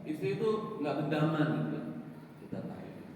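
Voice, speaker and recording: A man's voice: on the high side, fairly quick, slight background noise. A man giving an evening sermon in a mosque, joking and acting out little dialogues between neighbors. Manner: lively, joking, acts out dialogue. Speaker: preacher. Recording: echoey mosque hall from far off.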